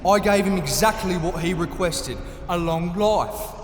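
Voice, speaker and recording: A man's voice: high voice, measured pace, slight background noise. An actor playing a theatrical, mock-genial Gnome King in a fantasy audio drama, effusively polite and gloating. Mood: patronizing. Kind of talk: full-cast fantasy audio drama acting. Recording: echoey cavernous hall, music underneath.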